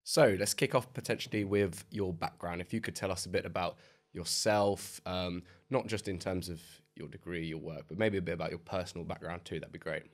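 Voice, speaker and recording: A man hosts a podcast with a deep, low voice. He opens with polished, upbeat introductions and smooth questions. He speaks into a boom mic in a studio. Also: fairly even intonation, fairly quick. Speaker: podcast host. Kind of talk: podcast interview. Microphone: boom mic on arm.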